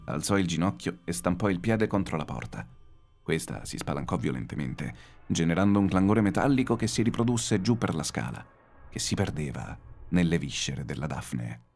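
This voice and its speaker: Deep guy reading a horror audiobook, really dramatic, swings his voice a lot, faint music behind. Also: sing-song, moderate pace, vocal fry, darkish tone. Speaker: audiobook narrator. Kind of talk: scripted horror audiobook narration. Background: faint background music.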